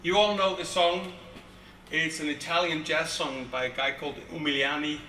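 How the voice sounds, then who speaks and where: A man's voice: a little high, steady tone, moderate pace, far from the mic. Playful man bantering on stage. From Iceland. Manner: chatty, playful, talks to the crowd. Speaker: singer-songwriter on stage. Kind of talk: between-song stage banter. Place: live music venue. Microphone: handheld recorder in the audience. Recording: roomy venue recorded from the audience. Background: instrument music.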